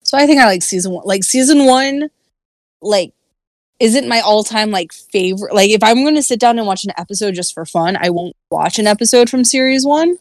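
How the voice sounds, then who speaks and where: A woman co-hosting a casual chat, rambling with many fillers and trailing off quietly. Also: mid-range voice, a little fast, no echo, clean studio sound. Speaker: podcast co-host.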